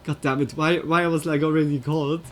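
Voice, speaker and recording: A woman's voice: deep voice, slight background noise. A woman chatting casually and giggling on a live stream, with loose non-native phrasing, into a USB desk microphone.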